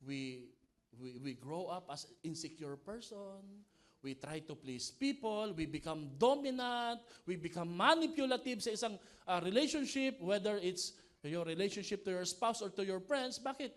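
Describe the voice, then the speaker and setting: A male pastor preaching a sermon to a live congregation, animated and jokey, often asking the people questions. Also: high voice, a little slow. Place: church service before a live congregation.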